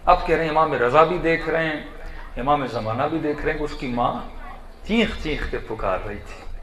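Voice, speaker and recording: A man's voice: fairly high pitch, a little hiss or hum. Man preaching dramatically in an echoey hall. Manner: dramatic, swinging between loud cries and hushed lines. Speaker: cleric reciting a mourning sermon. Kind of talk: emotional storytelling sermon. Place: mourning gathering in a hall.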